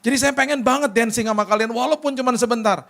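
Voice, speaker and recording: A man putting on a high, pleading American mother. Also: quick pace, fairly bright tone. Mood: yearning. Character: emotional middle-aged American woman stranger.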